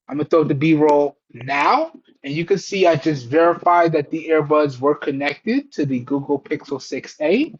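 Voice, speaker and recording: A man's voice: on the high side, highs cut off. A man heard through a Bluetooth earbud mic, chatting casually at home as he tests a pair of wireless earbuds and keeps addressing his viewers. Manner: chatty and repetitive, keeps addressing "guys and gals". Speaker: tech reviewer testing earbuds. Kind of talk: casual product test vlog. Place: room at home with a TV. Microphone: wireless earbuds over Bluetooth.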